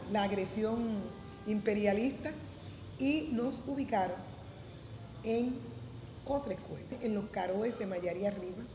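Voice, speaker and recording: Older Cuban woman recalling, echoey. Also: medium pitch. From Cuba. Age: 70s. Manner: measured recollection with frequent hesitant "eh" fillers. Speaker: interviewee, former volunteer teacher. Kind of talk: documentary interview testimony. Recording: roomy echo with noise.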